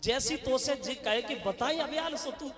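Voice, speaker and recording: A man voicing an elderly village neighbor woman who quietly advises a young bride. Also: very high-pitched, unhurried. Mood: advising. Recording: echoey hall reverb.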